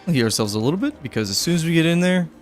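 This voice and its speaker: A man's voice: fairly high pitch, expressive, racing, soft background music. A man streaming a game, chatting casually and joking with the characters on screen. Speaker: gaming streamer. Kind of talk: casual gameplay commentary.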